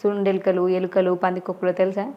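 A woman interviewer asking a child quick, coaxing questions in a casual interview. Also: on the low side, monotone, muffled recording, a little hiss or hum.

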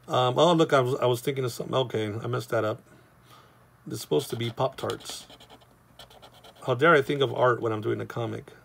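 A man's voice: mid-range voice, a little fast, vocal fry, pauses often. A middle-aged man, teaching how to draw comics in a loose, rambling, casual way. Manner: rambling, loose and chatty, with many fillers. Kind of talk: casual drawing tutorial.

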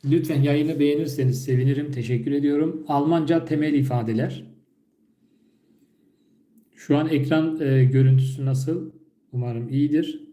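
A man whose first language is Turkish, teaching basic German phrases during a live stream and repeating each one slowly and carefully. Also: a little high, fairly even intonation, mellow, roomy sound. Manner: slow, careful repetition of phrases.

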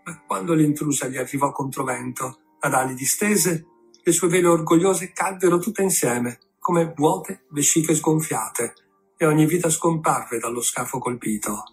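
Male narrator, classic novel reading, slightly high voice, soft music under it. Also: measured pace. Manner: steady literary reading.

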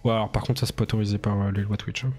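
A man's voice: fairly low pitch, level tone, racing, a little mellow. A male streamer chatting casually over a game, joking crudely and laughing often. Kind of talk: casual gaming stream chat. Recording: music playing under the voice. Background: background music.

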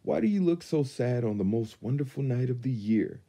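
A man's voice: mid-range voice, lively intonation, moderate pace, pitched above the performer's own voice. A man voicing a kind young boy in a storybook reading, speaking in a reassuring, caring way. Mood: kindly. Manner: warm, reassuring.

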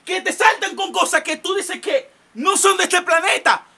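A man's voice: very high voice, normal speed, vocal fry, heavy background noise. Man joking to his viewers. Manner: crude, joking, direct address. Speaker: comedy vlogger. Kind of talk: casual comedic monologue to viewers.

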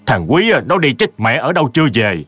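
A man's voice: medium pitch, sing-song, fairly quick, a bit bright, no echo, faint music behind, voice pushed up. A man voicing a stern old village grandfather who barks brusque, scolding commands, in a storybook horror reading. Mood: gruff.

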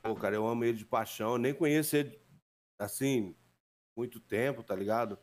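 A man's voice: medium pitch, a little fast, darkish tone. A man on a gaming stream giving an earnest, heartfelt message of support, full of slang and blessings. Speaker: guest donor. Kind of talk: casual heartfelt speech.

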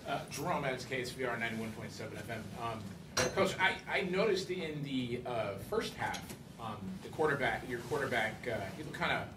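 A man's voice: medium pitch, animated, fairly quick. Hesitant male reporter, far off. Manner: hesitant, many ums and uhs. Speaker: radio reporter. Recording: echoey room, far from the mic, noisy.

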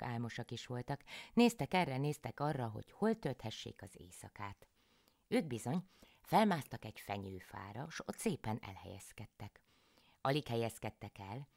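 A woman reading a folk tale aloud as a bedtime story, calm and measured, close to the microphone. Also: rumbling low, creaky, dry recording.

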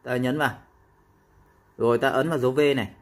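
A man explaining a phone app step by step in a casual tutorial, with frequent pauses and fillers. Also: mid-range voice, fairly even intonation.

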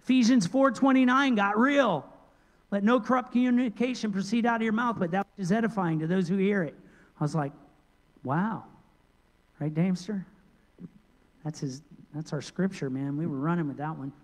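Middle-aged male pastor, high voice, lively sermon delivery, handheld mic, long church echo. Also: normal speed, long pauses. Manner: lively preaching, jumps between loud emphasis and quiet asides. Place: large church sanctuary. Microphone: handheld microphone.

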